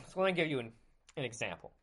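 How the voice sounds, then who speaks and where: A man in his thirties hosting a podcast, talking casually with sarcasm and frequent throat clearing. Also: mid-range voice, very animated, fast, a bit bright. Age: 30s. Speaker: podcast host. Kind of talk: casual monologue.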